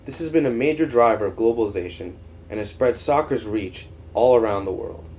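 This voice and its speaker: A man's voice: medium pitch, fairly quick, a little mellow, slight background noise, poor audio. A young man from Costa Rica giving an earnest, formal scripted narration as a student documentary narrator. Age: young adult.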